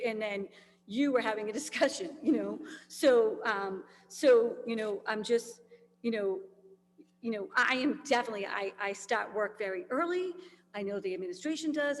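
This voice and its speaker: A woman's voice: mid-range voice, normal speed. A woman on a school committee speaking at a public meeting, tired and losing her voice, rambling with many fillers. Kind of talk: meeting discussion. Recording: long reverb, faint hum.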